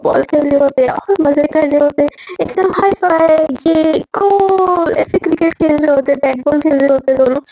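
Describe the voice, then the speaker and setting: High-voiced chatty woman storyteller. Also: mellow, poor audio. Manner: chatty, full of filler words and repeats. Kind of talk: casual spoken story narration.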